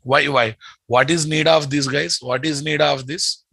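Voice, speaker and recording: A man's voice: a little high, steady tone, unhurried, gravelly, bright, forceful tone, husky, no echo. A middle-aged man with a Telugu accent teaching a live online programming lesson, repeating phrases and prompting his students with familiar questions. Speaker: programming instructor. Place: indoor room at a computer.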